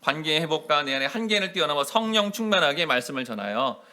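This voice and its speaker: A male pastor delivering a lively sermon in a high, bright voice that leaps up and down in pitch. He keeps asking the congregation questions and acts out prayers and comforting answers. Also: fast talker.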